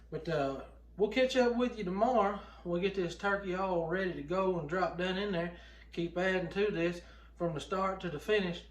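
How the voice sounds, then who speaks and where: Middle-aged Southern US man, high-set voice, plainspoken casual how-to delivery, roomy home kitchen sound. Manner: folksy, plainspoken. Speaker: home cooking vlogger. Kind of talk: casual how-to chat to camera. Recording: roomy indoor home recording.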